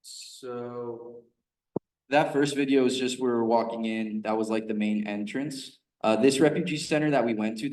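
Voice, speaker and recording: A man with a somewhat low voice gives a casual presentation and leans on fillers as he goes. He sounds a bit far from the mic, in a room with a noticeable echo. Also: a little mellow. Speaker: presenter of a report-back. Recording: roomy, distant mic.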